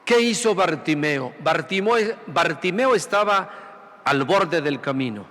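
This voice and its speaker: A man's voice: on the high side, expressive, takes it slowly, fairly bright tone, long reverb tail. A man who is a priest, preaching a Sunday sermon through rhetorical questions and repeated phrases. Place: large church sanctuary.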